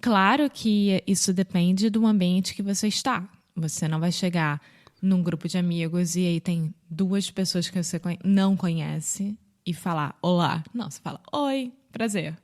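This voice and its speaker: At a moderate pace, this co-host of a Portuguese-teaching podcast patiently walks through everyday greetings in a casual teaching chat. She's from Brazil with a Rio de Janeiro accent, and her acted-out examples leap brightly in pitch.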